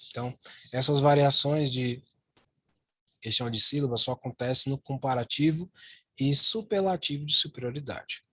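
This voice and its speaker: A man's voice: medium pitch, a bit bright, no echo. A man teaching English grammar in a lesson, walking students through slides and tagging phrases with "né" and "ó". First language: Portuguese. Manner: repeats "ó" and "né" while pointing at slides. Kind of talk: online lesson explaining slides.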